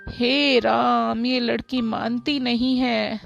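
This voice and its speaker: Brief: woman playing nagging storybook mom, high and unhurried, faint music behind. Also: fairly even intonation, gravelly, dull audio, heavily acted. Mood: scolding. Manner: scolding, fussing. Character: strict, worried middle-aged mother, scolding. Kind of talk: storybook voice acting.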